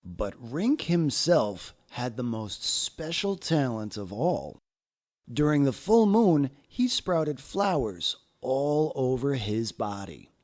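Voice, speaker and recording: A man with a mid-range voice reads a children's picture book aloud, telling the story expressively and deliberately.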